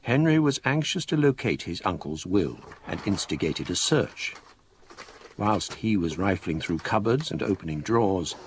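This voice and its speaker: Older English gentleman storyteller, low voice, animated intonation, measured and formal, ghostly radio drama, background noise. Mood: grave, reflective. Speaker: narrator.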